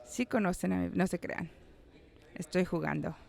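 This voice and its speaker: A man's voice: sits high, moderate pace, vocal fry. A man pastor preaching a sermon in a church service in a conversational way, with playful asides to the congregation and little acted-out voices for the people in the story. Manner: acts out quoted voices.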